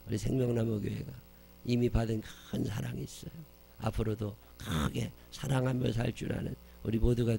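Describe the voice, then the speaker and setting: A man preaching a sermon as pastor, telling stories with loud emphasis and dropping soft for tender quotes. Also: medium pitch, creaky, a little hiss or hum.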